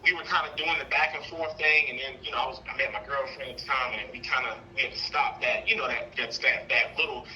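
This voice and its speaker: Calling in with an American accent, a father who wants custody rambles through his own story, leaning on "you know" again and again. His medium-pitched voice is steady, pushed, and bright, and he talks fast with few pauses on a low-quality recording.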